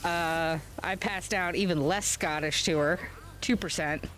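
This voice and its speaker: This gaming stream host from the United States has a fairly low, fairly bright voice, recorded poorly on a webcam setup with soft background music. Playing at home, she chats in an unhurried, rambling way, dropping in frequent fillers and chuckles.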